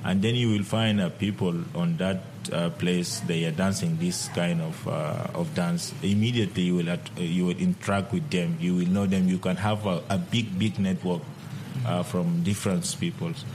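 A low, deep male voice, recorded over clear ambient noise. He is a dance instructor being interviewed, speaking halting English and often repeating words as he builds his sentences. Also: steady tone, darkish tone, poor audio. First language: not English. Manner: halting, repeats words, non-native grammar. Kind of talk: interview answers.

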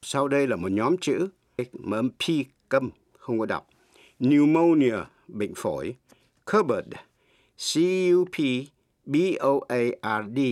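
A middle-aged man teaching English in Vietnamese, a native Vietnamese speaker who explains slowly and spells words out letter by letter. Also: mid-range voice, no echo, studio quality. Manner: slow, deliberate, spells words letter by letter and repeats examples.

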